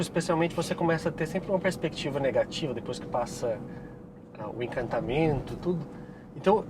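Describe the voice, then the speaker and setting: Chatty Brazilian man in a car. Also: on the high side. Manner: relaxed, chatty, laughs often. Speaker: co-host, Korean teacher. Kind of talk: casual advice chat. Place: inside a moving car. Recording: faint car noise. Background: faint vehicle noise.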